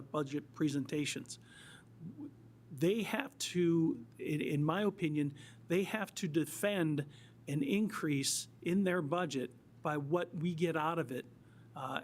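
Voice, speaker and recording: A man's voice: on the high side, a little hiss or hum. A man running for office, answering a forum question hesitantly with many fillers. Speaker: mayoral candidate. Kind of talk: debate answer.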